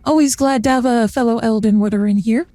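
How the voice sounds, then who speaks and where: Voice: medium pitch, fast, dark tone, no echo. A streamer talking through a voice changer that makes the voice sound feminine, chatting casually and rambling with many fillers. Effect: voice changer making the voice sound feminine. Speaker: VTuber streamer. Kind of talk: casual gameplay chat.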